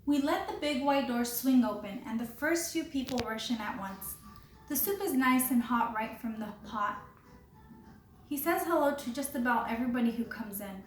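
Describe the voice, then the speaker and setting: A woman, a teacher, reading a children's picture book aloud in a clear, expressive storytelling voice. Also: fairly high pitch, normal speed. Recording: roomy with faint background hiss.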